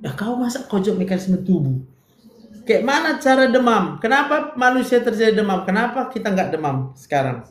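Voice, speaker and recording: A man's voice: high voice, sing-song, normal speed. Brash male lecturer quizzing students. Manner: quizzing students, joking, brash direct address. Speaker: medical lecturer. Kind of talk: classroom lecture. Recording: roomy echo, faint room noise.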